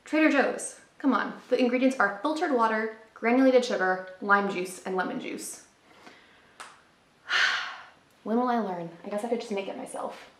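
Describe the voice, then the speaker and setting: Showing off her groceries, a woman in her twenties talks to camera indoors in her living room, cheerful and peppered with "like." This lifestyle vlogger speaks on the high side at normal speed, pausing often, in a reverberant space.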